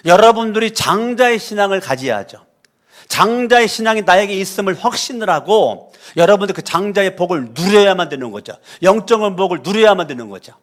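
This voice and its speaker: A man pastor preaching a sermon, fervent, dropping low and then leading shouted prayers. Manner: leads the congregation in loud shouted prayers; fervent, preaching with dramatic drops and rises in volume.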